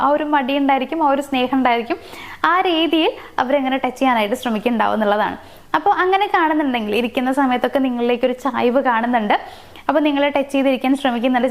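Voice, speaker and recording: A woman talking casually to her viewers, explaining relationship signs point by point, with fillers and restarts along the way. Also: high voice. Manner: explains in numbered points with fillers and self-corrections. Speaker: relationship advice host. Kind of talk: casual advice talk to camera.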